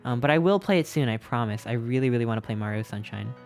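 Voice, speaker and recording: A streamer gushing over fan art in casual live-stream chat, excitable and repeating itself, a little out of breath. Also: medium pitch, quick pace. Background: faint background music.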